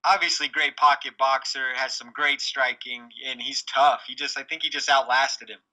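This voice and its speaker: A man's voice: medium pitch, fairly even intonation, moderate pace, pushed and bright, rough recording. A man co-hosting a casual sports podcast, giving confident, opinionated fight analysis. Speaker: podcast co-host.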